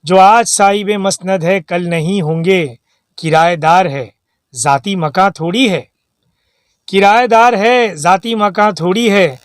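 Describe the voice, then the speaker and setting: Here a male political activist gives a slow, high-pitched statement that is impassioned and exhortative, hammering home repeated phrases and dropping in English words. The sound is dry and clean, like a studio.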